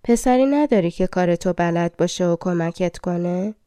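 A woman's voice: on the low side, dark tone, smooth, no room sound, clean studio sound, lightly acted. A woman reading a storybook, voicing a frightened young boy who asks anxious, trembling questions. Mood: polite. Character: young dwarf-shaped boy, frightened and pleading.

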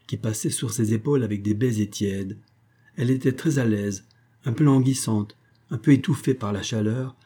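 A man reading a classic novella aloud in a measured, expressive literary narration. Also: fairly low pitch, breathy edge. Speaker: audiobook reader.

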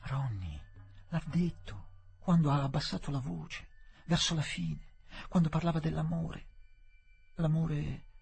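A man's voice: measured pace, gravelly, long pauses, a little mellow, breathy edge, heavily acted. A man voicing a nervous, pleading young woman. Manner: pleading, high and breathless. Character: anxious nervous young Englishwoman.

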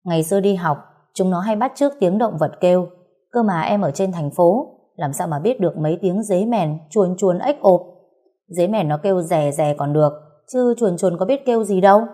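A woman's voice: on the low side, lively intonation, moderate pace, dark tone. A woman voicing a playful young pregnant wife who teases and sulks with her husband in an audiobook story. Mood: chatty.

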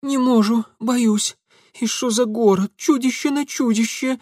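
A man's voice: very high voice, steady tone, a little mellow, no echo, clean studio sound, pitched above the performer's own voice. A man voicing a frightened, tearful young factory girl who rattles off her words in a whiny rustic way. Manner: rapid, whiny, dialect-tinged speech.

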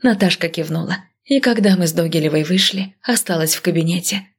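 Woman narrator, lowish voice, steady first-person audiobook reading. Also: fairly quick, slightly rough.

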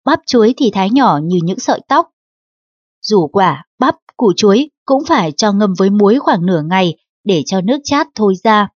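A woman narrating a historical novel as an audiobook in a steady, even reading. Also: mid-range voice, normal speed, breathy edge, dry recording. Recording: dull lo-fi audiobook recording.

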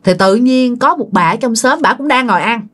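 A woman tells ghost stories in a casual, chatty way. Her voice sits a little high and keeps turning to the listeners with small fillers. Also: fairly quick, a bit bright, slightly rough. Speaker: storyteller. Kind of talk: casual ghost story narration.

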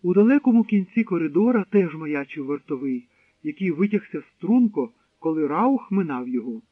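High-voiced man narrating an audiobook. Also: expressive, moderate pace, dry recording. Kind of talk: scripted narration. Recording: dry, tinny narrow-band sound.

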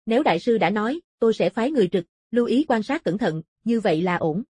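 A woman's voice: mid-range voice, animated, fast, warm tone, breathy edge, no echo, studio quality. A woman voicing a stern, reserved female camp instructor in a storybook reading, talking in a curt, businesslike way.

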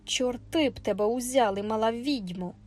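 A woman voicing a surly, rough farm youth who curses slowly and gruffly. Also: a little high, faint music behind, lightly acted. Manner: gruff, slow, cursing.

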